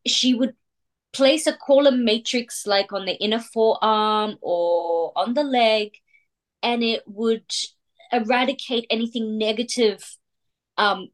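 A woman in her thirties from India, a tattoo artist talking in a relaxed interview, reflective and slow with frequent pauses and fillers. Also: on the high side. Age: 30s. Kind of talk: casual interview chat.

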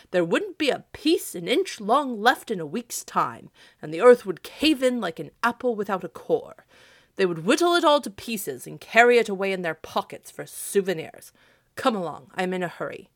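A woman voicing a jolly, commanding old Santa Claus, speaking in an emphatic, brisk, decisive way. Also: mid-range voice, dry recording, clean studio sound.

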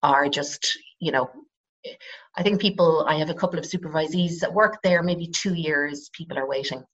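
A middle-aged Irish woman with a croaky voice, explaining her work informally in a hesitant, measured way with frequent pauses. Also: low voice, fairly bright tone. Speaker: psychotherapist, interview guest. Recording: dull, lo-fi sound.

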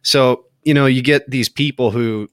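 A man co-hosting a casual talk show, relaxed and earnest, with dry jokes. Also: medium pitch, moderate pace, no room sound. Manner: relaxed, earnest, joking aside. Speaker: show co-host.

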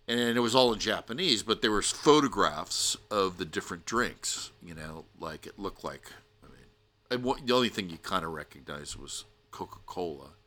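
A middle-aged American man telling a rambling personal story on a podcast, animated and full of restarts. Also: low voice. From United States. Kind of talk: casual storytelling monologue.

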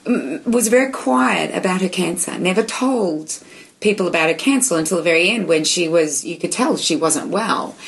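A woman's voice: medium pitch, vocal fry. A woman in casual conversation, talking earnestly and emphatically, circling back with restarts as she makes her point. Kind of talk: casual chat.

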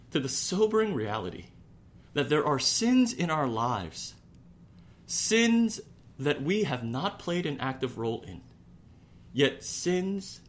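A male pastor delivers a sermon in a medium-pitched voice, measured and earnest, using deliberate pauses and repetition.

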